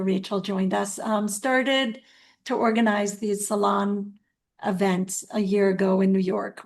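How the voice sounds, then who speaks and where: A thoughtful Israeli woman, a community organizer, speaks in a webinar over a video call. Her voice is mid-range with a darkish tone, and she says "um" often.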